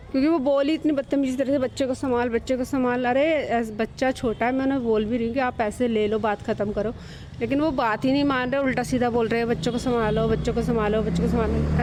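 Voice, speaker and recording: A woman's voice: high-pitched, darkish tone. A woman in her thirties, a devotee, telling a personal story in a chatty, hesitant way with many fillers. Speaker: devotee sharing a testimony. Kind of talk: casual spoken testimony. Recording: faint background noise.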